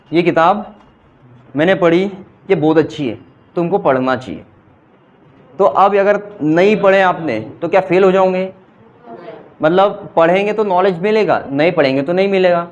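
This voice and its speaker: A man's voice: sits high, lo-fi sound. A man teaching an English grammar class, mixing Hindi explanations with English example sentences and quizzing his students as he goes.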